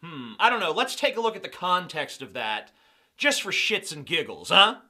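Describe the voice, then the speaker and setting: Bright, high-pitched sarcastic male commentator. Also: sing-song, moderate pace. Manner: mocking, sarcastic, laughs at own jokes. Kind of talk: sarcastic commentary on video clips.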